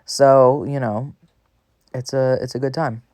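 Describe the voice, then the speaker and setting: A gaming video creator chats casually while playing a video game, rambling, self-deprecating and easily sidetracked. His medium-pitched voice is darkish, a little slow and fairly even in intonation. The studio-quality recording has no room sound.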